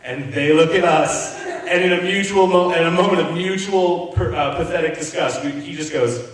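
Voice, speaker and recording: A young man doing live stand-up comedy, sardonic and profane, with quick self-mocking asides. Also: on the high side, far from the mic. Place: comedy club room with a live audience. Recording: very echoey room, captured from afar.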